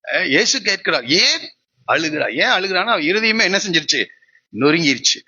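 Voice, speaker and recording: Lively, bright-voiced man preaching. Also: high voice, quick pace, highs cut off. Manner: preaching with rhetorical questions to the congregation. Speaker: pastor. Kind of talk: sermon.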